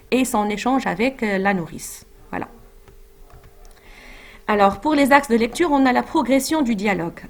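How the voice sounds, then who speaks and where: A woman teaching French literature, talking through a scene with frequent fillers and restarts, reading quoted lines aloud. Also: a little high. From Morocco. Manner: hesitant, many fillers and restarts. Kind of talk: explaining a literary text.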